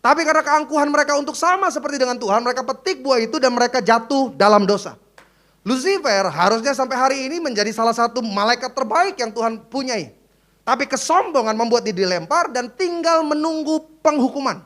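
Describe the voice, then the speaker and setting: A man's voice: extremely high pitch, animated, fairly quick, fairly bright tone. A middle-aged man from Jakarta preaching a sermon, telling funny stories, mimicking other people's voices and laughing often. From Jakarta, Indonesia. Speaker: pastor.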